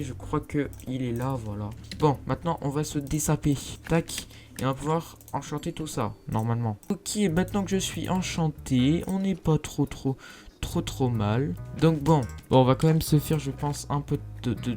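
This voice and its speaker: A man's voice: mid-range voice, a little mellow. Man, young adult, casual gaming commentary, chatty, self-deprecating. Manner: chatty, self-mocking, talks to viewers while playing. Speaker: gaming youtuber. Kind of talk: casual let's play commentary.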